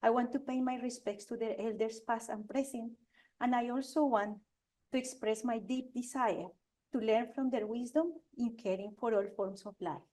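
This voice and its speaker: A Colombian architect in her forties gives an earnest conference talk to an audience at a lecture venue, speaking English with a Colombian Spanish accent. Her voice is on the high side, steady and dark in tone, though the audio is poor. She's halting, with frequent restarts and fillers.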